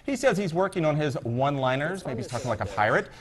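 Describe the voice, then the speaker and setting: Animated joking man co-host. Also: on the high side, fast talker. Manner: corny jokester, animated. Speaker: morning show co-host. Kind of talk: joking news banter.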